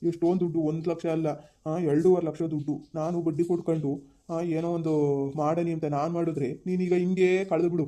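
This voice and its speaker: A man's voice: fairly high pitch, level tone, moderate pace, mellow, natural voice. A man, playing a frustrated husband who scolds his wife after losing his savings in a village family drama. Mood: upset. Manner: scolding, exasperated. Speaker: actor.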